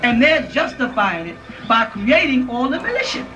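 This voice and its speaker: Through a far-off microphone with dull lo-fi sound, a man with a very high, sing-song voice, pushed and bright, lectures a live audience in a room. He speaks at a moderate pace, emphatically and informally, frequently checking in with listeners.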